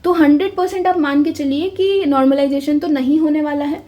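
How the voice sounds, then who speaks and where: A woman's voice: high-pitched, steady tone, fairly quick, dull audio. A woman giving a casual, insistent exam-update talk to viewers, often calling them "bhai" and checking in with "theek hai".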